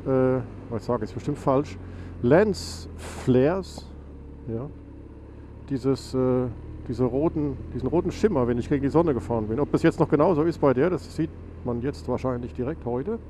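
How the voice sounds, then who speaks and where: A man's voice: medium pitch, moderate pace, warm tone. A man, stuffy and nasal from a cold, chatting casually while riding a motorcycle and rambling with many fillers. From Germany. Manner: rambling, self-correcting, lots of fillers. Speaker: motovlogger. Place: outdoors on a motorcycle on a country road. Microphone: helmet mic on a motorcycle. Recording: noisy motorcycle wind and engine.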